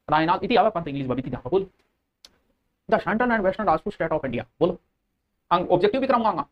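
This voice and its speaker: A man's voice: sits high, a bit bright. Playful Rajasthani man teaching drills. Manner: playful, repeats key terms slowly for rote learning; answers chat comments aloud with jokes. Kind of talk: live exam coaching lecture.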